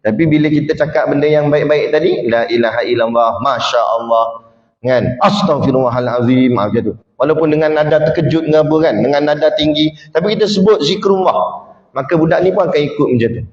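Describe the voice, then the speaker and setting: A man with a Malay accent giving a religious lecture in an animated way, acting out quoted speech and often tagging his points with "ha" and "kan". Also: a little high, a little fast. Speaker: preacher. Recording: echoey hall, dull lo-fi sound.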